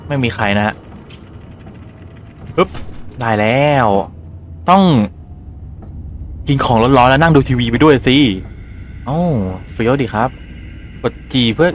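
A man's voice: medium pitch, animated, slow pace, pauses often, slight background noise. A man with a Thai accent and a slight cold, casually commentating a horror game, swearing and reading game lines aloud. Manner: chatty, swears casually, reads game dialogue aloud in his own voice. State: has a cold, phlegmy throat. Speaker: gaming YouTuber. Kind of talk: casual let's-play commentary.

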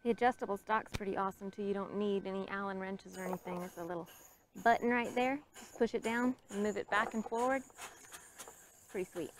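Relaxed woman shooter at an outdoor range. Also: mid-range voice, brisk, a little hiss or hum. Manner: brief, relaxed, matter-of-fact remarks. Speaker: shooter testing the rifle. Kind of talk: casual range chat. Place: open-sided tent at an outdoor desert range.

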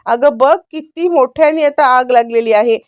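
A woman reads out the lines of a spiteful, scheming man who jeers loudly at his relatives and then feigns innocence. Her voice sits fairly high. The sound is dry and a little dull. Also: normal speed, clean tone, no room sound, close to an everyday voice. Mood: taunting. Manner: loud, mocking, falsely innocent.

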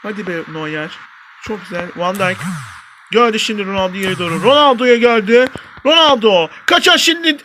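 High, bright young man commentating football gameplay. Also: expressive, normal speed, a little hiss or hum. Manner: shouts and stretches player names when attacks build, mutters when things go wrong. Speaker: gaming YouTuber. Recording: faint game music behind.

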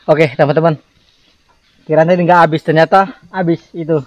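Camping outdoors beside a forest river, an Indonesian man in his thirties vlogs casually and addresses his audience as guys. His voice is high, and the background is noisy.

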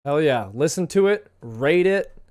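A man's voice: a little high, lively intonation, unhurried, a little mellow. A man hosting a podcast, chatting in a laid-back, jokey way with casual swearing and easy laughs. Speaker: podcast host.

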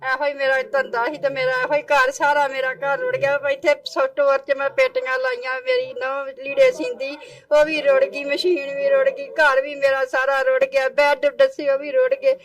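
A woman's voice: high voice, fairly even intonation, moderate pace, hardly any pauses, far from the mic. An older woman whose home was lost to a flood, crying as she pleads for help. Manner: tearful, pleading. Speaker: flood-hit homeowner.

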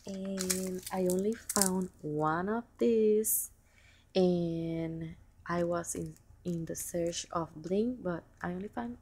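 Slow, soft-spoken woman showing off a craft haul. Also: on the low side, slight background noise. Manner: soft, unhurried, fond, with many ums and small laughs. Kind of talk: casual show-and-tell. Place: indoors at a table. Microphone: camera pointed down at table. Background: crinkling plastic packaging.

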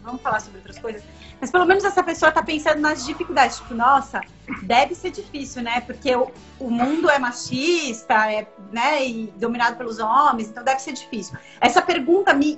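A slightly bright, high female voice comes from a thirtysomething comics editor from Brazil. Interviewed casually over video call in a room at her home, she speaks emphatically with many fillers and restarts, and her laptop webcam captures it in dull, lo-fi quality.

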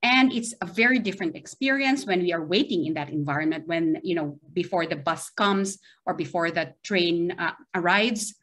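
Her voice on the low side yet fairly bright, a middle-aged Filipino university lecturer from the Philippines gives an online seminar at normal speed with few pauses. Still hesitant, she often checks in with "right?" from a small video-call window.

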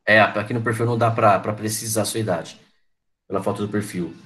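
Guy in his 40s teaching an online class, lowish voice, rambles through old memories and keeps asking students stuff. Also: steady tone, a little fast, a bit bright. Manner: chatty, reminiscing, addresses students by name.

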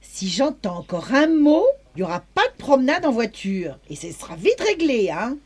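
A woman's voice: fairly high pitch, big pitch swings, moderate pace, darkish tone, slightly rough. A woman playing an exasperated, stern mother scolding her children in a dramatised story. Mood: stern warning.

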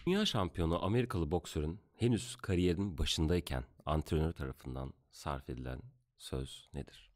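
A man's voice: a bass voice, expressive, normal speed, few pauses, darkish tone. A man reading joke questions aloud dramatically in a comedy quiz. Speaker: comedy game show contestant. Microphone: studio desk microphone.

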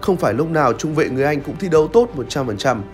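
A young man reads a scripted football review as a commentator, with a lively, dramatic storytelling delivery, recorded on a studio set with a lavalier mic. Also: on the high side, fast, faint music behind. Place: red studio set with screens. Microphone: lavalier mic on shirt.

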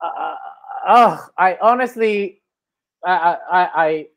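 A man's voice: high-pitched, very animated, takes it slowly, vocal fry, fairly bright tone. Playful Spanish-accented male host. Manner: playful, rambling, theatrical. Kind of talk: casual chat show.

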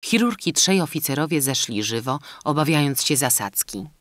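A man reading a classic novel aloud as an audiobook narrator, in a measured literary delivery. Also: fairly high pitch, animated, fairly bright tone, no room sound, clean studio sound. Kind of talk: scripted narration.

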